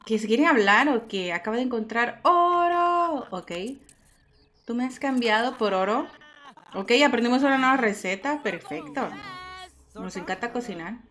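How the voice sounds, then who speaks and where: A woman's voice: fairly high pitch, lively intonation, normal speed, a bit bright. A woman chatting through her video game as host, talking to her characters and exclaiming often. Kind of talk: casual let's-play commentary. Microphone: microphone set too far off at times.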